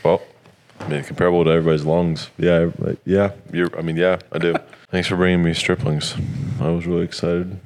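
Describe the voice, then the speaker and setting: A man's voice: deep voice, level tone, brisk, darkish tone, a little hiss or hum. A man in his twenties, a college football player guesting on a podcast, trading easygoing jokes in casual chat. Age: 20s. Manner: joking, easygoing banter. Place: podcast studio.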